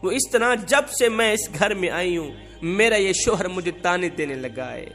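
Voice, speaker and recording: A man's voice: high voice, lively intonation, fairly bright tone, soft background music. A man voicing a humiliated wife who tearfully pleads her case in a sermon story. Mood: pleading, sorrowful. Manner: pleading, sorrowful.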